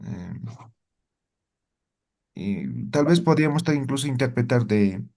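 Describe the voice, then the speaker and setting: A man teaching a language class, explaining slowly and often asking his students questions with tag questions. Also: medium pitch, animated, gravelly, a little mellow.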